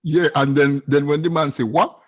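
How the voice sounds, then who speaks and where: Husky Vincentian man swapping stories. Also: on the high side, level tone, fairly quick. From Saint Vincent and the Grenadines. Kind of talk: casual storytelling and banter.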